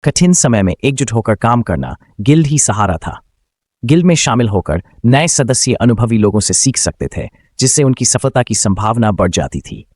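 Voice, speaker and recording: A man's voice: medium pitch, very animated, moderate pace, darkish tone, no echo, clean studio sound. A man giving scripted narration as a comic recap storyteller.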